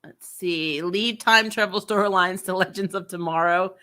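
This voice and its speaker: This recap channel host reviews TV shows casually and opinionatedly, with blunt, sweary exasperation and emphasis through repetition. Her voice sits on the low side, bright and forceful in tone, at a moderate pace.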